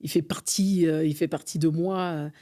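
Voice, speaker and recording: Here a French woman of middle age, an association vice-president, is interviewed conversationally on a podcast. Her deep, warm voice keeps a fairly even intonation at a moderate pace, and her earnest, fervent delivery is broken by many hesitations.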